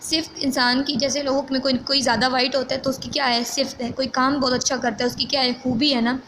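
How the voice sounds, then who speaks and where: A woman teacher from Pakistan reading a textbook lesson slowly, then re-explaining each point and checking in with her students. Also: high-pitched, little pitch movement, fairly bright tone, slight background noise, rough recording.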